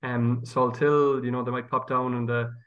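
A man's voice: medium pitch, little pitch movement, moderate pace, lo-fi sound. A man with a west of Ireland accent talking conversationally and thoughtfully as a priest being interviewed. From County Galway, west of Ireland. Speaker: priest and guest.

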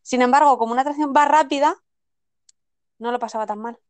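Smooth-voiced woman, thoughtful chat. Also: sits high, fast, dry recording. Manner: thoughtful, rephrases herself as she goes. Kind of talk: casual chat.

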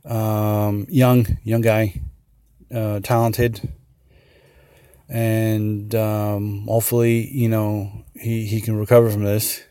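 A man's voice: fairly low pitch, flat delivery, slow pace, warm tone, smooth, no echo. Male solo host, casual and earnest, lots of fillers, dry close recording. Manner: rambling, many fillers and restarts; earnest, gets worked up. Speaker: podcast host.

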